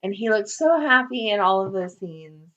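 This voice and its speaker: A woman's voice: mid-range voice, animated, a bit bright. Chatty woman podcast co-host, dull audio. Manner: chatty, opinionated, acts out characters' lines in quick asides. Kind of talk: casual chat.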